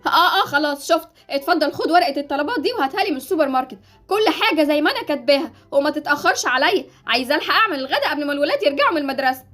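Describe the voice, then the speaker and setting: A woman's voice: high voice, lively intonation, rapid-fire, few pauses, a bit bright. A woman with an Egyptian Arabic accent voicing an exasperated housewife in a game drama, scolding and theatrical. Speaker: channel creator voicing a game series.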